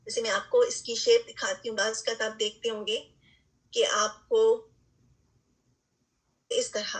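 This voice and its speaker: In an online lecture, a woman teaches a recitation lesson step by step, patiently checking in with students with frequent "theek hai" and mixing in English terms. Her voice is on the high side with little pitch movement, and the recording quality is low.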